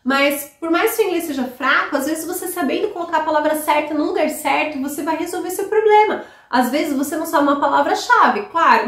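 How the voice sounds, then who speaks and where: Brazilian woman vlogger, high voice, roomy echo, chatty tag questions. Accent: Brazilian Portuguese. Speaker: vlogger giving study-abroad advice. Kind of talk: casual advice talk to camera.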